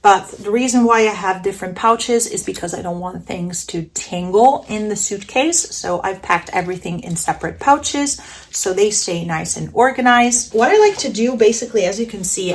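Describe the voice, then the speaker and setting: A woman's voice: medium pitch, animated, normal speed, slight background noise. Chatty woman vlogging her packing. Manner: chatty and enthusiastic, with a playful self-aware humor. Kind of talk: casual packing vlog narration.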